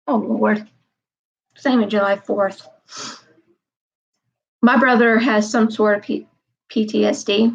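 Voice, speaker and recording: This woman in her twenties chats casually on a live stream, drifting between topics, repeating herself and saying "um" a lot. Her medium-pitched voice stays steady and slow, broken by long pauses, and the audio is lo-fi.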